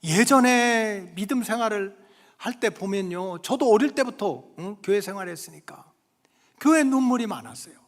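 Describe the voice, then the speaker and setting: A middle-aged man preaching a sermon in a church, telling stories in a chatty way and checking in with the congregation, his delivery swinging between loud exclamations and hushed whispers. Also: sits high, expressive, moderate pace. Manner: colloquial storytelling, frequent "응?" to the congregation. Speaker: pastor. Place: church sanctuary. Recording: long hall reverb of a church sanctuary.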